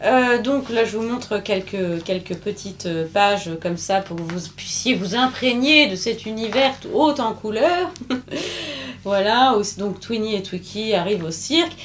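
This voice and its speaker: A woman's voice: mid-range voice, expressive, a little slow, slight background noise. A woman presenting a children's book in a casual, chatty way, with many hesitations and fillers, who laughs at her own jokes.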